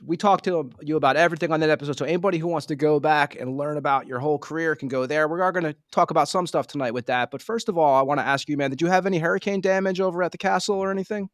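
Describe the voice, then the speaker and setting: A man's voice: a little high, steady tone, racing, hardly any pauses, dry recording, studio quality. A man hosting a podcast in a casual, informal interview style, addressing the guest like a buddy. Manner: informal, says "man" often. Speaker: podcast host.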